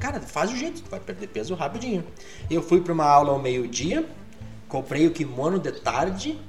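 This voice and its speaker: A man in his forties, a podcast guest, telling stories with animated quoted voices. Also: a little high, roomy sound. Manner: animated storyteller, acts out quotes. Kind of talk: casual podcast chat.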